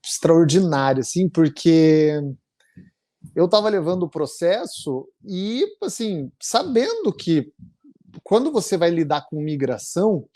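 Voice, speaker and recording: A man in his forties with a Brazilian Portuguese accent, telling his story as an interview guest in a halting, earnest way with many restarts. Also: on the high side, very animated, dark tone. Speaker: interviewee, immigration client. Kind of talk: emotional conversational storytelling.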